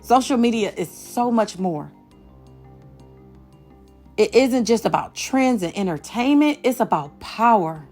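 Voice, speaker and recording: A woman's voice: on the high side, lively intonation, a little slow, pauses often, darkish tone, faint music behind. A woman from the United States hosting an online show, giving impassioned commentary to camera, emphatic and outraged, repeating phrases for stress.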